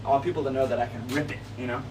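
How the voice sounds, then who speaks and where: A relaxed young man in his twenties chats through golf tips on a backyard livestream. He sounds set back from the phone mic, with a clear hum of an air conditioner and outdoor noise behind him. His tone is friendly and easygoing, and he calls viewers bro. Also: medium pitch, rapid-fire, recorded from a distance. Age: 20s.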